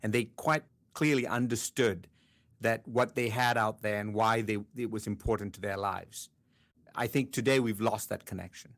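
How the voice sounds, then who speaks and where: A man in his fifties with a low, gravelly voice answers interview questions in a measured, thoughtful way. He is from Sri Lanka and often drops to a quiet, reflective tone. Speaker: conservation scientist guest.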